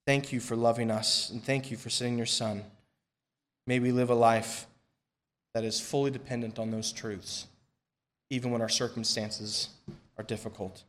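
Man, preacher at a pulpit microphone, church sanctuary, measured emphatic scripture reading, soft phrase endings. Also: mid-range voice, level tone. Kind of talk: sermon with prayer.

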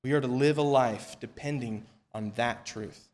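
A man preaching a sermon and leading prayer at a pulpit microphone in a church, reading scripture in a measured, emphatic way that falls soft at the ends of phrases. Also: medium pitch. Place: church sanctuary.

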